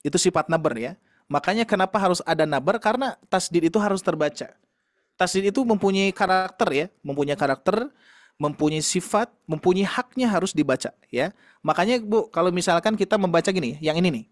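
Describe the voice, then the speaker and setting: Male recitation teacher, patient, high voice, dry close mic. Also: animated, a little fast, dry recording. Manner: patient, explains with demonstrations and gentle laughs. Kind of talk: online tajwid class.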